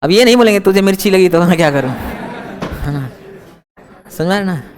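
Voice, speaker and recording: A man's voice: high voice, animated, a little fast, a little hiss or hum. A man teaching a grammar lesson to a live classroom, often checking that students follow and teasing them. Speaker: English teacher.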